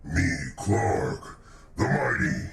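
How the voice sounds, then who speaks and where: A game master voicing a boastful male bugbear warrior through a deep pitch-shifting voice changer, with a slow, dramatic delivery. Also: sing-song, gravelly, echoey room, soft background music, exaggerated voice. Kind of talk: narrating a tabletop game.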